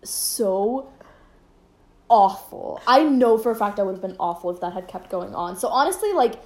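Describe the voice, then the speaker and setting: A woman's voice: mid-range voice, animated, moderate pace, roomy sound. A young woman co-hosting a podcast in casual chat, laughing and tossing in wisecracking asides. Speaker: podcast co-host.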